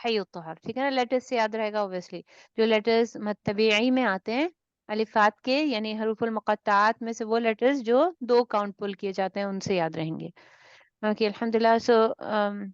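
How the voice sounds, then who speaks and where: A woman with a fairly high voice teaches a tajweed class over a video call. She explains patiently and keeps checking that her students follow. The sound is dry and a bit dull. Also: smooth, no echo. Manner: checks understanding with frequent tag questions. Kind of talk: online class, mixing Urdu and English.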